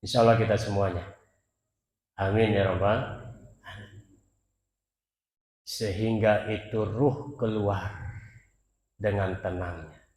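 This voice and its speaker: Man, sermon preacher, emotive, loud to hushed swings, chants verses, slow, roomy echo. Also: on the low side, fairly even intonation. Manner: emotive, swings between loud calls and soft near-whispers; addresses the congregation directly as "Pak". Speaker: preacher at a dawn mosque study. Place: mosque. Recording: echoey mosque hall with long reverb.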